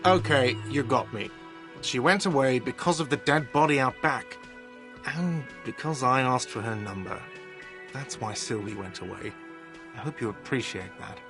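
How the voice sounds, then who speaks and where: A man's voice: medium pitch, normal speed, over music, lightly acted. An actor voicing a whiny, irritable male cafeteria manager in a video game who talks defensively.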